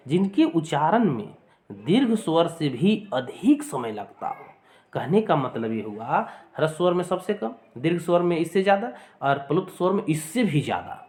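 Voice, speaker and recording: A man teaching an exam-prep lesson, repeating points, calling his viewers friends and sounding out vowels for them to copy. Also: medium pitch. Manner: repetitive, addresses viewers as friends, demonstrates sounds aloud.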